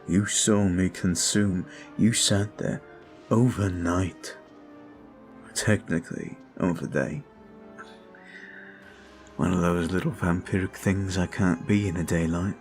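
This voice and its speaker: A man with a low-sitting voice plays a brooding male vampire in an ASMR roleplay. He talks slowly, intimately, and confidingly.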